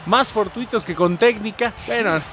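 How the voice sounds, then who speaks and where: Excitable Mexican man commenting on a game. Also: high voice, normal speed. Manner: shouts and laughs at goals, casual slang. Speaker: gaming video host. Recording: faint game music behind.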